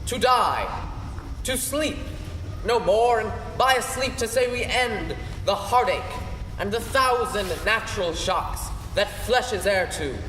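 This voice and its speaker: A melancholy young Prince Hamlet broods aloud in a school stage play, played by a young man. His declamatory, high voice rings through a long-reverb hall. He is heard from a distance over faint noise. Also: unhurried, a bit bright. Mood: brooding. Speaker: student performer.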